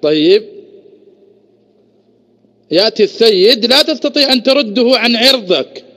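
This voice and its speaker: A combative man debating in an online voice room. His voice sits very high and cuts through bright and sharp. He taunts and hammers the same challenge again and again, his pitch swinging all over. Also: animated, moderate pace. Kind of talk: heated religious debate.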